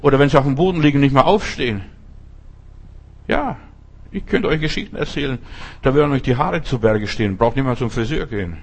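A man gives an informal, unscripted sermon with a somewhat husky, breathy voice at an ordinary pitch. He speaks bluntly, addresses the listener directly and hammers his points home by repeating phrases. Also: animated, brisk, long pauses. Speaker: preacher.

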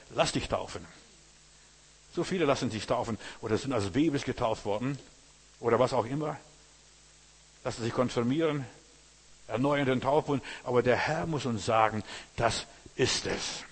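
A man's voice: medium pitch, breathy edge. A man preaching a sermon in earnest German-language style, addressing his listeners directly as brothers and sisters.

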